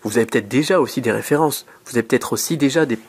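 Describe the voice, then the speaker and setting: Chatty husky Frenchman. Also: racing. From France. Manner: chatty, many fillers and restarts, lively pitch jumps. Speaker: YouTube host. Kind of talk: casual advice monologue.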